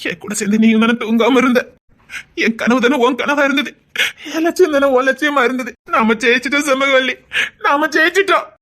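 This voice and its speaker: A woman's voice: sits high, fairly even intonation, brisk, close to an everyday voice. A woman voicing an emotional, devoted village policeman husband in a cartoon, with a Tirunelveli Tamil accent, earnest and tearful. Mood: tearful joy.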